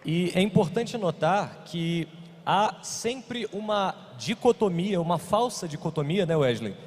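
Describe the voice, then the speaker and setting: Husky Brazilian man, earnest panel talk. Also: high-pitched, animated, unhurried. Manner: earnest, insistent, repeats phrases. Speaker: panel speaker. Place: conference hall. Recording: reverberant conference hall.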